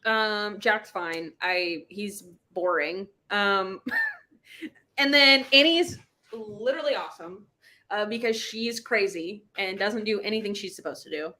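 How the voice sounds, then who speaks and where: Her voice is mid-range, a little slow, pushed and bright. She is the host of a casual book club livestream, exclaiming, joking and using slang, and she spells out internet abbreviations as she goes.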